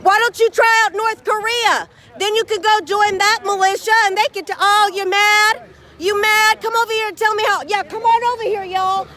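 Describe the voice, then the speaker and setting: A woman argues outdoors at a street protest, her voice pitched extremely high. She taunts and fires questions one after another, confrontational and relentless. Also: fairly even intonation, normal speed, bright, forceful tone, a faint crowd. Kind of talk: heated street argument.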